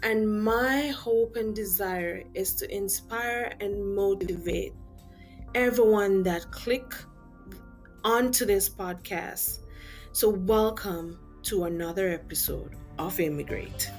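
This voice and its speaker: A woman hosting a podcast interview, who opens with a slow, earnest welcome and a spoken prayer, then asks quick, eager questions. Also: mid-range voice, faint music behind. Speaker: podcast host.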